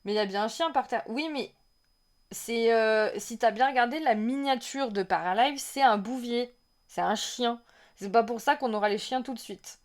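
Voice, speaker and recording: On a stream, a woman with a fairly high pitch reacts to a game trailer at a moderate pace. She's excitable and rambling, chatting with viewers and reading their comments out loud.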